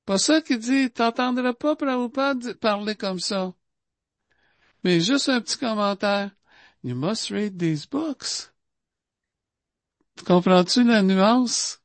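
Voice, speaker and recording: On a dry recording, a man with an extremely high-pitched voice and a Québécois French accent gives an informal spiritual talk. He speaks conversationally, repeating himself and filling pauses with lots of asides.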